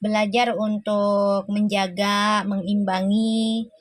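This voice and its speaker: A woman's voice: mid-range voice, little pitch movement, takes it slowly, dry recording. A woman doing a casual live tarot reading, exclaiming and laughing often as she talks. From Indonesia. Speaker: tarot reader.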